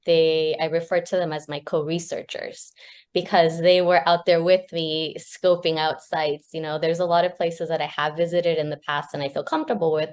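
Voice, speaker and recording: In a relaxed panel conversation over video, this woman, a graduate researcher, talks chattily, full of fillers and quick laughs. She has a low-sitting, slightly mellow voice.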